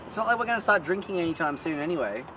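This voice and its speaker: A man playing a fed-up driver in an amateur comedy sketch, scolding his friends and shouting often. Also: a little high, lively intonation, very fast, a little hiss or hum. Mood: irritated. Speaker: driver of the car. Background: loud music.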